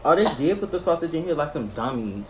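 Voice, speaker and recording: A man's voice: a little high, sing-song, fast. A man hosting a casual seafood mukbang vlog, playful and chatty, often repeating himself and trailing off. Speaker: vlogger host. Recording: noisy background.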